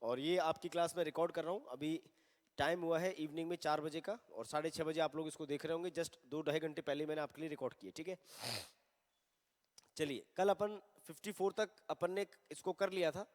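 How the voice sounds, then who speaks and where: High-voiced man teaching grammar. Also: fairly even intonation, long reverb tail. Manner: mixes Hindi and English, reads examples slowly. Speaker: English teacher. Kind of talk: recorded online grammar lesson.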